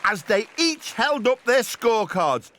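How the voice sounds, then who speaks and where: A narrator tells a children's story in an expressive, animated way. The pitch moves around a lot, and music plays clearly behind the voice. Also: unhurried, a faint crowd.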